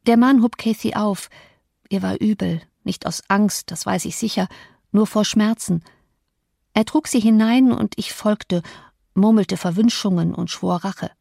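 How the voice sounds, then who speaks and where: A woman reading a classic novel aloud as an expressive, dramatic first-person narration. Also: medium pitch, measured pace, vocal fry, dry recording, clean studio sound. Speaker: audiobook reader. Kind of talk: literary audiobook narration.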